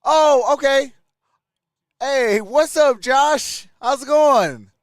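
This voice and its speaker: A man hosts a sports livestream, chatting casually and commenting as he answers viewers and greets them by name in a conversational manner. His voice is extremely high-pitched and he draws out his words. The recording is dry, with clean studio sound.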